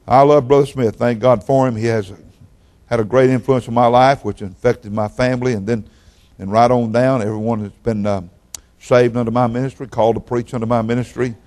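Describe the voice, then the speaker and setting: An older guest pastor from Oklahoma, raised in Texas, preaches a sermon in a folksy, rambling way, often repeating his words. His medium-pitched voice has a darkish tone and fairly even intonation, and he talks a little fast.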